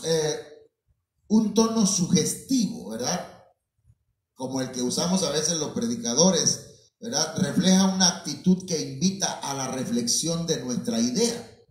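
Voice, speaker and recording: A man from Mexico, a preacher, giving a teaching talk to his congregation, unhurried and full of fillers, often calling his listeners brothers. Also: fairly high pitch. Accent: Mexican Spanish. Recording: very echoey room.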